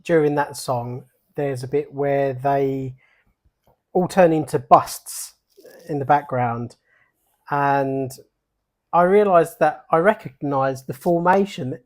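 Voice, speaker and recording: A podcast co-host with a mid-range voice talks casually about an animated film. The delivery is relaxed, and the remarks are dry and observant. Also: mid-range voice, takes it slowly. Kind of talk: casual chat.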